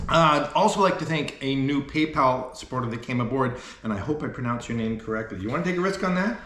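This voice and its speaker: A man's voice: mid-range voice, expressive, quick pace, a bit bright, slight background noise. A man hosting a casual vlog in a chatty, rambling way, in an empty apartment that echoes like a stairwell. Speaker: vlog host. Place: almost empty apartment, indoors. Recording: echoey bare room, like an echoing stairwell.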